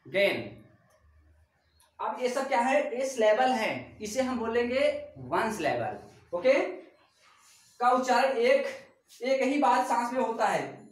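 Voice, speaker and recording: A woman's voice: a little high, very animated, takes it slowly, pauses often. A woman teaching a grammar lesson, repeating points and asking check-in questions. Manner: repetitive, asks rhetorical check-questions. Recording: echoey room, voice far from mic.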